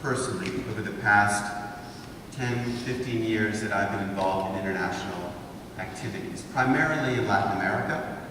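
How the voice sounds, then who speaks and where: Lecturing students as a guest speaker, this man from Honduras, in his fifties, poses rhetorical questions to get listeners thinking. He speaks a little fast in a lowish voice. The recording comes from a distant camera, no mic in sight, in a big wood-paneled hall, echoey and noisy.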